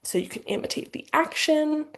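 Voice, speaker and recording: Woman educator, picture book read-aloud for toddlers, sing-song, playful pitch leaps, webcam. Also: animated, moderate pace, a bit bright. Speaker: early childhood educator. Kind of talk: demonstrating reading aloud to toddlers. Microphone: webcam on a video call.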